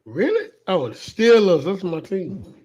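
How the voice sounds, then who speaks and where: A high-voiced man hosting a casual talk stream. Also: very animated, a little slow, darkish tone, breathy edge. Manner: casual, joking, Southern country speech. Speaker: show host. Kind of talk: casual livestream chat.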